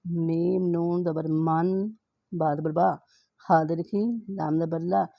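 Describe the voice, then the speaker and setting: A woman with an Urdu accent teaching Quran reading, spelling out each letter and vowel mark slowly and then blending the syllables. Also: fairly low pitch, level tone, creaky, no room sound, muffled recording. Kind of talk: slow spelling-out recitation lesson.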